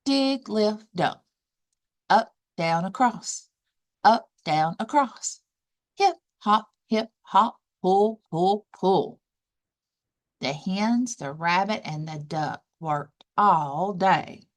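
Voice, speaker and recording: With a medium-pitched voice, a female librarian reads a children's story out loud, stressing the action words in a careful, expressive way.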